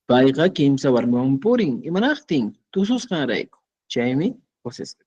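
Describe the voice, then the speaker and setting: A man's voice: medium pitch, very animated, unhurried, a little mellow, husky, muffled recording. A man teaching a language lesson, patiently repeating words and often checking that his students follow.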